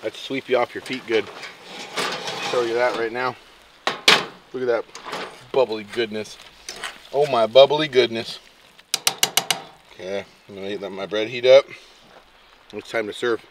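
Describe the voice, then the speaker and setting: Speaking a little slowly at medium pitch and pausing often, this man chats casually to viewers against a noisy background with music. He's an outdoor camping and fishing vlogger with a folksy, playful, exuberant manner full of quirky slang.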